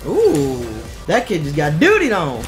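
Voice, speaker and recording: A male streamer commentates his own game live, slangy and foul-mouthed with sudden excited shouts. His pitch swings widely. Clear game music plays under his voice. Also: a little slow. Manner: excitable, slangy, swearing, frequent yelps.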